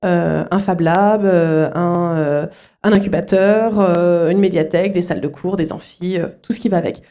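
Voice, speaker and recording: A middle-aged woman, a school director, answering interview questions at a student fair, often pausing with fillers and restarting her sentences. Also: on the low side, steady tone, mellow. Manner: hesitant, many fillers and restarts.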